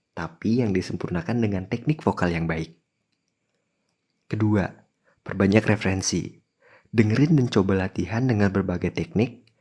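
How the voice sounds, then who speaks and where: Speaking straight to his audience, a man hosts a scripted podcast in a chatty manner. His voice is fairly low-pitched, a touch mellow and slightly rough.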